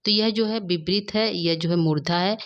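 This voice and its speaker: A woman's voice: on the low side, normal speed, lo-fi sound. A woman teaching a Sanskrit grammar lesson online, explaining step by step and often asking and answering her own questions.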